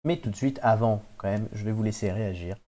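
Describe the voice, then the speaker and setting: A man's voice: fairly low pitch, fairly quick, warm tone, slight background noise. A man hosting a casual quiz podcast who teases the players and builds mock suspense around their scores. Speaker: quiz host.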